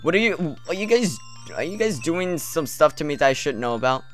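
Young guy playing a game, sarcastic rambling, lively voice, faint music. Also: a little high, a little fast. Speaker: let's play commentator. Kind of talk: game commentary.

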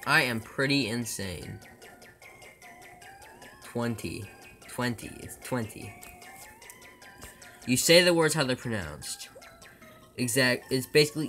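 A man's voice: mid-range voice, expressive, normal speed, pushed and bright, faint music behind. A man chatting casually with his viewers during a live speedrun stream, joking and rambling with stammered restarts.

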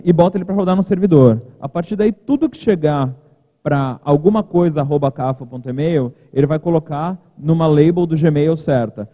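A man giving a casual, joking keynote at a podium in a large conference hall. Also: fairly high pitch. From Brazil. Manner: chatty, informal, joking asides. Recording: reverberant hall, thin lo-fi sound.

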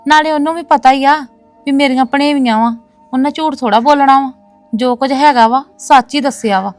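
A woman's voice: high voice, a little fast, no echo, soft background music, lightly acted. An actress playing a proud woman who insists on defending her brother and his family in a domestic drama. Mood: insistent. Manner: earnest, insistent, repeating "no, no, sister". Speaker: actress in a web series.

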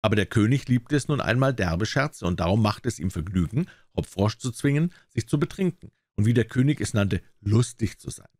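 A man reading a classic tale aloud as an audiobook narrator, with expressive storytelling. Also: on the low side, brisk, hardly any pauses, dry recording, studio quality. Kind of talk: scripted narration.

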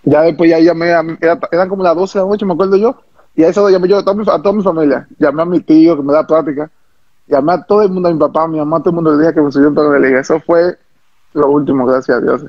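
A former baseball pitcher from the Dominican Republic with a Dominican accent, telling stories in an interview, animated and repeating himself, acting out quotes. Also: male voice, racing, no echo, highs cut off. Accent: Dominican Spanish. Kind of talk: interview storytelling.

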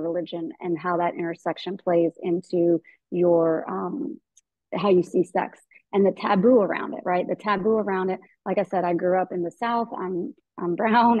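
A woman in her forties, a gynecologist guest in a webinar, talks earnestly and keeps restarting her sentences. Her voice sits a little low. The video call audio is dull and dry. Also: dry recording. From American South. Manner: earnest, thinking aloud with many fillers and restarts. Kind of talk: webinar interview. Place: indoor room at home.

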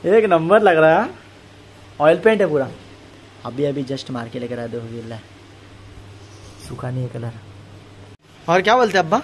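A man's voice: on the high side, lively intonation, moderate pace, pauses often, a little hiss or hum. A man, talking loosely and casually as a vlogger into a handheld phone. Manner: chatty, loose and conversational. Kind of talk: casual vlog narration.

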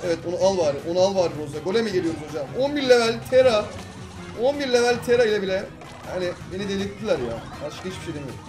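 A young man in his twenties giving excitable, slangy commentary over his own gameplay, swinging between calm asides and frustrated outbursts. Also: high voice, very fast, music in the background. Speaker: gaming YouTuber.

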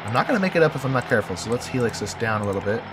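Over a noisy background, a man who makes game videos talks through a building session in a medium-pitched, sing-song voice at a racing pace. A head cold leaves him nasal and stuffy as he casually thinks aloud and corrects himself.

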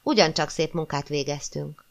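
A woman narrating a classic novel as an audiobook, in a measured, expressive storytelling manner. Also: deep voice, gravelly. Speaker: audiobook reader.

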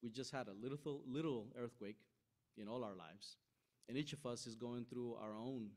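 A young Costa Rican man preaches a sermon from a podium in a large church hall, conversational and animated, acting out the voices he quotes. His voice is mid-range and his speed normal.

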